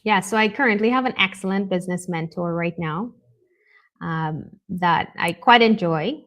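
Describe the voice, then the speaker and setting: A Canadian life coach, appearing as a woman guest on a talk show, speaks candidly and reflectively in a conversational interview, frequently tacking on "right?" Her voice is lowish and fairly bright, delivered at a moderate pace.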